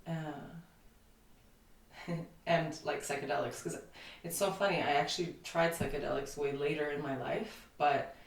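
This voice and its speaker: In a casual interview, a woman in her thirties talks reflectively, meandering with frequent fillers; she grew up in Lithuania and her first language is Lithuanian. Her deep voice keeps a moderate pace and a fairly even intonation. There's echo from the room, a distant mic, and faint ambience.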